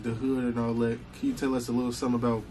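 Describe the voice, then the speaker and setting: A man's voice: mid-range voice, completely flat delivery, very fast, noisy background. A man interviewing a guest, asking laid-back, slangy questions from off-mic.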